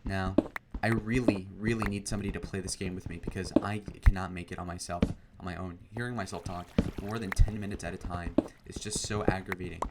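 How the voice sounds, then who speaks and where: Over gameplay, a young man who makes gaming videos talks in a low, flat voice, a little fast with hardly any pauses. The chatter wanders, packed with fillers and restarts, and the recording is very noisy.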